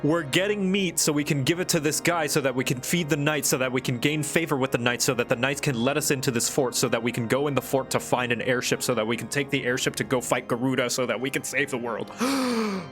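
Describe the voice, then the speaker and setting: A man's voice: mid-range voice, fast, hardly any pauses, fairly bright tone. Casual male game streamer over music. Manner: rambling, playful asides. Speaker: live streamer.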